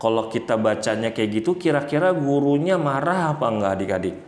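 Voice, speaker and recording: A man's voice: medium pitch, expressive, fairly quick. A man teaching young children about the Quran in a playful way, speaking to them directly and acting out examples. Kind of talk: children's religious lesson. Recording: roomy echo.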